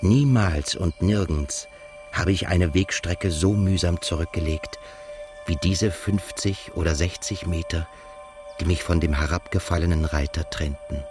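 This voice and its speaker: A male actor voices a melancholy, haunted émigré narrator in a literary radio drama, measured and reflective. His low-pitched voice plays over music, and the mood is somber and reflective.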